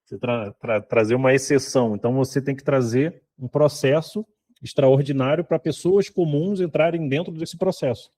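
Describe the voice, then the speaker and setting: A man's voice: medium pitch, moderate pace, mellow. Man giving a conversational lecture. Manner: conversational, frequent tag questions. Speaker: speaker at a hospitality conference.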